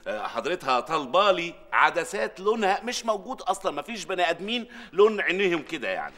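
This man speaks fast in a high, sing-song, exaggerated voice, playing a harried middle-aged sitcom father as the show's lead. He's sarcastic and exasperated, and his lines build into shouting rants.

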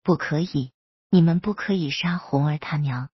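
A woman's voice: low voice, moderate pace, slightly rough, no room sound, dull audio. A woman voicing a desperate middle-aged husband in a storybook reading, who pleads frantically.

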